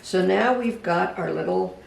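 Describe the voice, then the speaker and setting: Very creaky, gentle-voiced craft instructor. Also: medium pitch. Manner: gentle, unhurried, talks to the project. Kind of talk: casual step-by-step demonstration. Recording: echoey room, voice from a distance, faint background hum.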